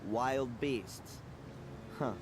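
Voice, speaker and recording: A man playing a sceptical adventure-game hero, musing in a dry, deadpan way. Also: mid-range voice, extremely slow, heavy background noise. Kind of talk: video game voice acting, item commentary.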